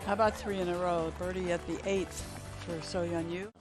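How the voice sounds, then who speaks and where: A man's voice: high voice, little pitch movement, normal speed, over music, poor audio. A man giving conversational golf commentary as an analyst, explaining greens, slopes and shots. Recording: loud outdoor background noise.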